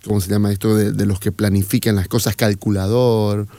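A man's voice: fairly low pitch, level tone, a little fast, warm tone, no echo. A man in casual conversation, hesitant and full of fillers, who acts out little dialogues.

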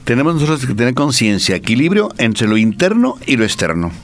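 A man's voice: mid-range voice, sing-song, fairly quick. A male priest, a guest on a radio talk program, speaking in a reflective, lightly preachy way and often repeating his words.

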